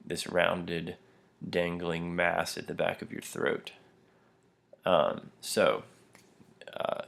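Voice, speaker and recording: Here a young man teaching languages walks through pronunciation one step at a time, showing throat sounds with frequent fillers and little laughs. His low voice is creaky yet fairly bright.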